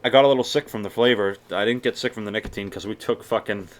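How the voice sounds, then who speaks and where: Speaking fast in a fairly low voice, this young Massachusetts man chats through a casual Q&A vlog, swearing frequently as he answers viewers. His accent is mildly Boston, mixed with general American.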